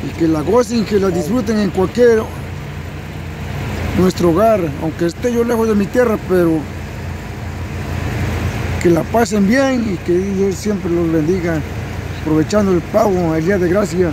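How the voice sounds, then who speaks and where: An older man in his sixties, a passerby on camera, sends warm blessings and mixes up his words a little. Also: high voice, unhurried, pauses often. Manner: warm, blessing-giving, slightly muddled. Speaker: passerby guest. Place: sunny street outdoors. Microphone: phone camera held by another person. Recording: phone audio with loud street noise.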